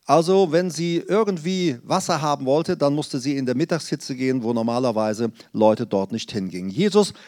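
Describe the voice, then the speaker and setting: A man preaching a sermon in an earnest, explanatory way, slowing down on key phrases and often hesitating. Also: medium pitch, darkish tone, no echo.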